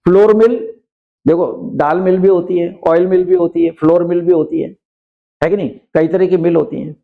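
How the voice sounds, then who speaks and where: A man teaching an English grammar lesson, explaining patiently and reading example sentences slowly, often checking in with his students. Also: high voice, fairly even intonation, gravelly, narrow, tinny audio. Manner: frequently checks in with listeners.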